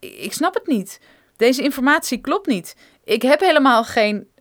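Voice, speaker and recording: A woman's voice: high voice, sing-song, normal speed, no room sound, clean studio sound. A woman reading an audiobook, voicing a bewildered, frightened male geologist asking anxious questions. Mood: alarmed.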